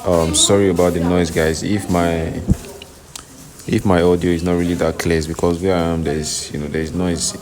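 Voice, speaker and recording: Against background music, a man gives casual trading commentary in a deep voice with little pitch movement and a moderate pace, repeating himself and making sure listeners follow. This vlogger records on location, partly in a noisy hospital, with uneven levels and background noise.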